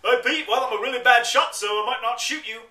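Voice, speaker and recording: A British soldier in a muddled, put-on accent, as a man plays him, pitched high and sounding bright and cutting. He speaks in a bouncy, mock-friendly way. The room adds a strong echo. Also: fast. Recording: echoey room, distant mic.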